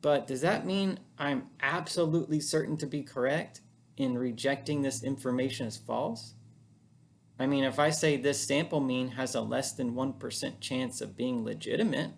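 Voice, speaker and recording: A man's voice: medium pitch, moderate pace, vocal fry, a little hiss or hum. A man teaching statistics in an informal recorded lecture, talking in a casual, chatty way with fillers and self-corrections, recorded at home on camera.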